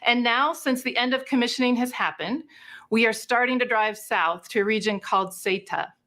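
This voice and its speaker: A woman presents a space mission update in a mid-range voice. She explains things clearly for a general listener and keeps an upbeat, positive manner. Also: a little high, normal speed, a bit bright. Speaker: space mission team member.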